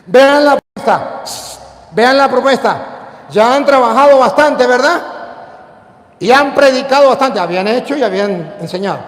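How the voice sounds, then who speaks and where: Venezuelan priest giving a sermon, high voice, jokey, acts out voices, echoey church. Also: male voice, expressive, moderate pace. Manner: playful preacher acting out voices and stories. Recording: echoey hall with long reverb.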